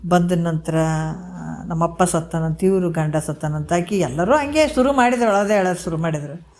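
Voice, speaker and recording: A woman's voice: on the low side, moderate pace. A woman giving a religious discourse, telling a parable and acting out the people in it. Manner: animated storyteller, acts out voices in quotes. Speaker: spiritual discourse speaker. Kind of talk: Kannada religious discourse with storytelling.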